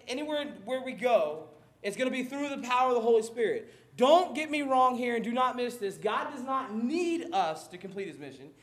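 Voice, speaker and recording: A man from Maryland preaching a sermon, animated and self-deprecating, laughing often at his own stories. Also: extremely high pitch, echoey room. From Maryland, USA. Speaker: pastor.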